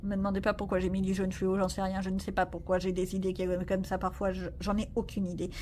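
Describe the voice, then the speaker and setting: A woman's voice: mid-range voice, monotone, fast talker, darkish tone, slight background noise. A woman vlogging casually about her coloring pages, rambling and joking at herself with lots of fillers. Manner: chatty, rambling, self-mocking, many fillers. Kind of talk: casual chat.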